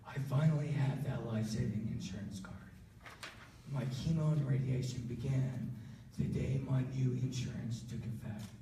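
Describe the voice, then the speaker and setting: A man giving an earnest, emotional prepared speech at a town hall, pausing at times to compose himself. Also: mid-range voice, fairly even intonation, dark tone, slight background noise. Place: large public hall. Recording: echoey hall from far off.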